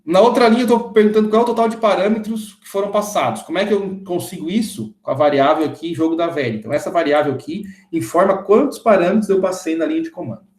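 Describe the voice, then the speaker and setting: A man in his thirties, a programming instructor, leads a screen-recorded coding lesson step by step and checks in with the class often. His high, slightly mellow voice moves fast with hardly any pauses, and the sound is roomy.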